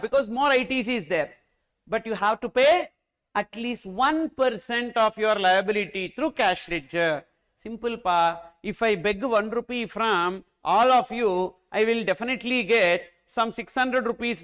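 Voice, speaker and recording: A man's voice: high-pitched, fairly bright tone, smooth. A man with a Tamil accent teaching an exam class, repeating key phrases and often checking in with short questions. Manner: repetitive, rhetorical questions with check-ins. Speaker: accountancy teacher. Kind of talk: exam-oriented classroom lecture.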